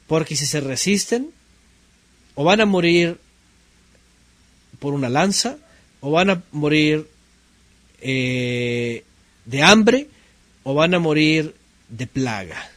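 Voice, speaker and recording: A man teaching a Bible class, asking his listeners questions and rereading verses slowly with emphasis. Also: fairly high pitch, animated, dry recording.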